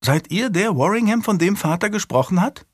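A man's voice: high voice, lively intonation, brisk, dry recording, voice pushed up. A man voicing a curious, precocious five-year-old noble girl in an audiobook, with a dry close sound. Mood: eager. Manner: prim and precocious.

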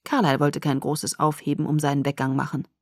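A woman reading the part of a gentle, grey-haired male town doctor, in a subdued, lowered voice. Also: level tone, quick pace, no room sound, studio quality. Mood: calm.

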